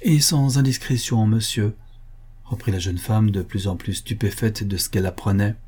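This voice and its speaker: A man reading the part of a reserved young widow, asking careful, polite questions in a measured way. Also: lowish voice, darkish tone, breathy edge. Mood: inquisitive.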